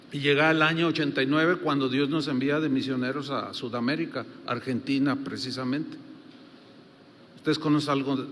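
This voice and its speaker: A pastor preaching a conversational sermon, telling stories and acting out the dialogue in them. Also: male voice, on the high side, a bit bright. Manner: conversational, acts out quoted dialogue. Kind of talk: sermon with storytelling. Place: church hall. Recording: reverberant hall with faint noise.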